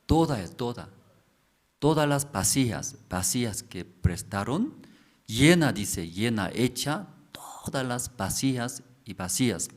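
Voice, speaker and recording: Male pastor, unhurried sermon delivery, keeps asking the congregation questions and repeating words for emphasis. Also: mid-range voice, lively intonation. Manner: repetitive, asks the congregation questions. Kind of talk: slow sermon explaining scripture.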